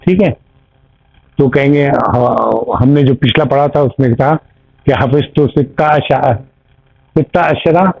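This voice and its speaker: A man teaching an Arabic grammar class, explaining slowly and repeating each term while checking that his listeners follow. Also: fairly high pitch, gravelly. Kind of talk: grammar lesson. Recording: tinny phone-like audio.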